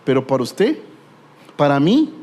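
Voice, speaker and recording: A man's voice: medium pitch, sing-song, unhurried, a little mellow. A middle-aged man preaching a sermon with a Guatemalan Spanish accent, telling stories with humor and rhetorical questions.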